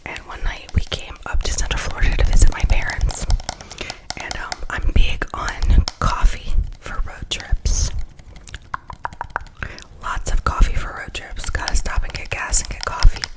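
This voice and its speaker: A woman whispering an ASMR unboxing and chat in a soft, breathy, soothing voice, repeating words and phrases. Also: unhurried, low-quality recording. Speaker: ASMR creator and host.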